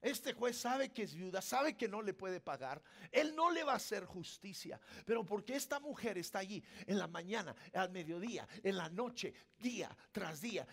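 Impassioned preacher, gravelly voice. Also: male voice, sits high. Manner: swings from soft murmur to shouting. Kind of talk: sermon.

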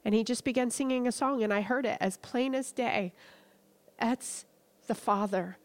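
A woman minister speaking earnestly and gently in devotional preaching. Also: on the high side, normal speed, no room sound.

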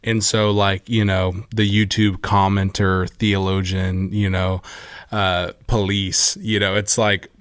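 A man with a somewhat low voice joins a casual podcast conversation, recorded dry and close. He is a worship leader who readily affirms what others say and grows animated as he argues a point. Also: takes it slowly, smooth, no echo. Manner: affirming, gets animated when making a point.

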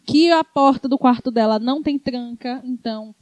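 A woman's voice: sits high, normal speed, a little mellow, no echo. A woman with a Brazilian accent and a slushy lisp on her s sounds, recounting news casually as a co-host. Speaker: show co-host.

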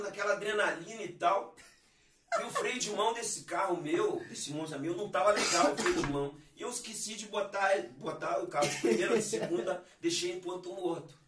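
A man's voice: high voice, fairly bright tone. A man from Brazil, a guest singer-songwriter, telling stories in laid-back slang in a podcast chat. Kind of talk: podcast chat with live singing. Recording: roomy, mic at a distance, guitar behind.

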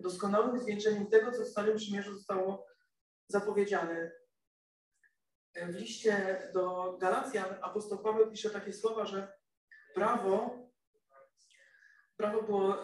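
A young man preaching a sermon in a loose, conversational way, often pausing to search for words. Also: high voice. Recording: echoey room, distant mic.

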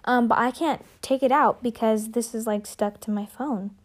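A woman's voice: on the high side, steady tone, moderate pace. A teenage girl co-hosting a casual podcast, rambling and giggly with lots of fillers and restarts, recorded on a phone. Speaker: podcast co-host. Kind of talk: casual chat.

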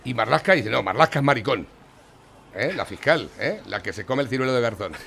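A man's voice: mid-range voice, expressive, a little fast, creaky, fairly bright tone, slight background noise. A man from Spain hosting a provocative political talk show, mocking and crude as he reads out headlines.

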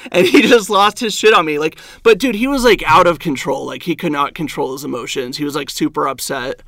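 A man's voice: fairly high pitch, a little fast, gravelly, a bit bright, no echo, clean studio sound. A man, a stand-up comedian and the guest, telling a story in casual chat, rambling and filling his talk with "like" and "um". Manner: rambling, heavy use of "like" and "um".

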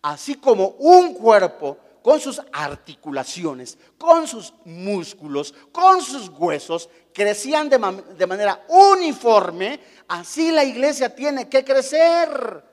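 A man's voice: very high-pitched, very animated, slow, long reverb tail. A man preaching a sermon, firing rhetorical questions at the congregation and acting out short scenes in character voices.

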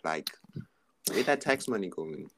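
A man's voice: deep voice, expressive, unhurried, very noisy. A young man chatting casually, slangy, blunt and sweary. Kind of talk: casual chat.

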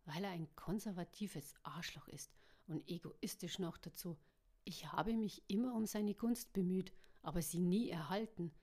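A woman reading the part of a spirited young half-blood woman in a storybook, lively and outspoken. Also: fairly low pitch, normal speed, close to an everyday voice.

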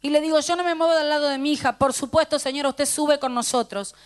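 Speaking fast in a high, steady-toned voice, a middle-aged woman pastor with a Rioplatense Spanish accent recounts her personal testimony in a sermon. She tells it fervently, quoting the people involved.

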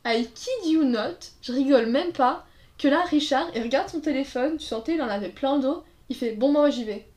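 Roomy-sounding woman telling lively stories. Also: high voice, moderate pace. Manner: lively anecdotes with voiced quotes and laughter. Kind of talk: casual storytelling chat. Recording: roomy echo.

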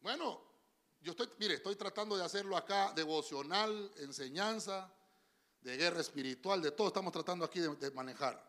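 A Honduran man preaching a sermon as pastor of a church, animated, with call-and-response to his congregation. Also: high voice, a little fast.

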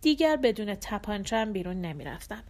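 A woman's voice: mid-range voice, very animated, a little mellow. Woman reading a literary audiobook. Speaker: audiobook narrator. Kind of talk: scripted literary narration.

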